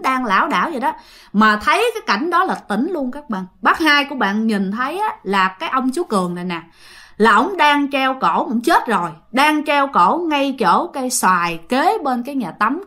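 A woman's voice: high-pitched, pushed and bright. A woman telling a ghost story in a chatty, casual way, speaking directly to her listeners.

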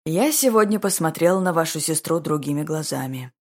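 A woman voicing a young duke in an audiobook, speaking calmly and ironically in a measured way. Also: sits low. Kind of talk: audiobook character voice.

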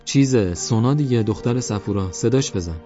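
A man's voice: on the low side, animated, voice pushed up, close to an everyday voice. A man voicing an old village woman with a shaky voice, fussing and scolding. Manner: scolding, anxious. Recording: dull lo-fi audiobook with faint music.

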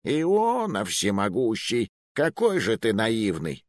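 A man's voice: a little high, expressive, normal speed, no echo, voice pushed up, lightly acted. Man playing a brash, swaggering bruiser. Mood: mocking. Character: rough, swaggering burly man, blunt and brash.

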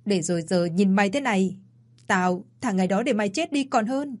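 A woman's voice: mid-range voice, a little fast, a little mellow, natural voice. A woman voicing a stern, unforgiving middle-aged mother who scolds coldly, in a spoken audio story. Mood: harsh. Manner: scolding, cold.

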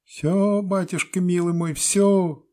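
A man doing a sing-song fawning peasant woman. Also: slow pace. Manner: sing-song, flattering, high wheedling. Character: ruddy fawning peasant woman about thirty.

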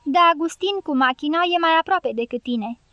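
A woman's voice: high-pitched, no room sound, muffled recording, lightly acted. A woman reading a fierce foul-mouthed guerrilla woman. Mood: commanding. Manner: commanding, swearing. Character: fierce foul-mouthed middle-aged female guerrilla leader. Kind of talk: audiobook character reading.

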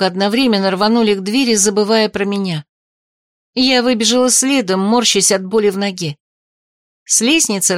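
A woman narrating a story in the first person, in a steady, even reading manner. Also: medium pitch, no echo, studio quality. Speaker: audiobook narrator.

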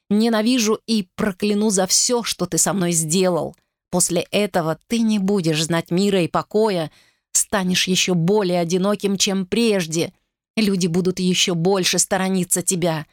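A woman's voice: on the low side, no room sound, clean studio sound, close to an everyday voice. A woman reading a frightened, desperate wife.

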